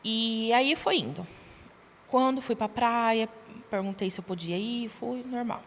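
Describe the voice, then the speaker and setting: A woman's voice: a little high, a little slow. Young woman telling a testimony, long reverb. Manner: lively, acts out quoted dialogue. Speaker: podcast guest. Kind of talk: personal testimony storytelling. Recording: long reverb, faint background noise.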